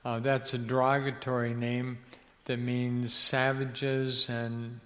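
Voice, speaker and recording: A missionary's son from Ecuador, now an older man, tells a long, wandering story as an interview guest, restarting often as he gropes for words. His delivery is completely flat and slow, in a medium-pitched, slightly bright voice. Long hall reverb trails every phrase.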